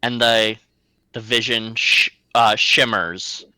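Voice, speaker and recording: A man acting as game master, narrating and explaining rules clearly. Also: lowish voice, fairly even intonation, takes it slowly, sharp tone, no echo, low-quality recording.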